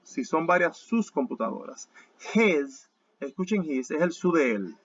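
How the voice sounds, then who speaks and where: A man teaching a basic English class, explaining step by step and repeating words slowly for his students. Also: on the high side, big pitch swings, fairly bright tone, husky, no room sound, highs cut off. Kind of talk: online class lecture.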